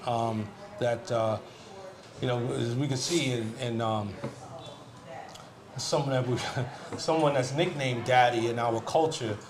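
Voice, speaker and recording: A man from the United States in a candid group discussion, speaking in halting phrases while searching for words. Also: medium pitch, fairly even intonation. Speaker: panel speaker. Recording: crowd murmur behind. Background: crowd murmur.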